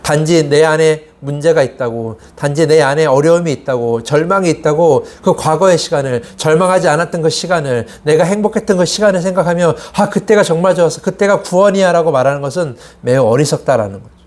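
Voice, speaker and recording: A man's voice: a little high, fairly quick, hardly any pauses, darkish tone. A man preaching a Sunday sermon as pastor, asking rhetorical questions and acting out quoted complaints in a raised voice. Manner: asks the congregation rhetorical questions.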